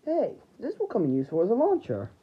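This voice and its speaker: A woman playing with toys and voicing a battle, shouting attack calls and then dropping to quiet murmurs. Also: fairly high pitch, huge pitch swings, fast talker, breathy edge, lo-fi sound. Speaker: toy show performer. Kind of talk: acting out a toy battle.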